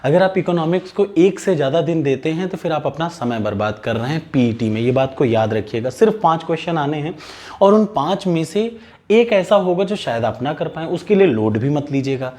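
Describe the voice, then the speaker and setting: A man coaching students for an exam, speaking with a fairly high voice. He gives direct, instructive advice and repeats the key points to drive them home. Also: expressive, a little fast, darkish tone. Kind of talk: exam-prep lesson straight to camera.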